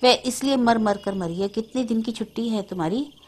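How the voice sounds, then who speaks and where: A woman's voice: on the high side, fairly quick, natural voice. A woman voicing a stern, weary widowed elder brother, speaking in a heavy, burdened way.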